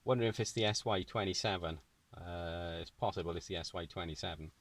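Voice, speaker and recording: In a car, parked or moving, a British man chats casually on amateur radio, repeating phrases so he's understood. His voice is low and fast, with no room sound.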